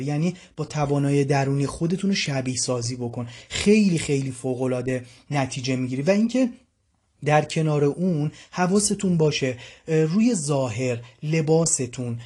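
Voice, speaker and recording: Husky-voiced man coaching casually. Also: medium pitch, darkish tone. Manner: conversational, uses everyday examples and anecdotes, frequent fillers. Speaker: communication skills coach. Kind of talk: informal self-help lesson.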